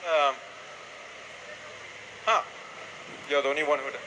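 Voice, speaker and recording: Brisk male panel moderator, noisy recording. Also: a little high, steady tone, sharp tone. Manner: brisk, summarizing guests' answers. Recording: noisy live event recording.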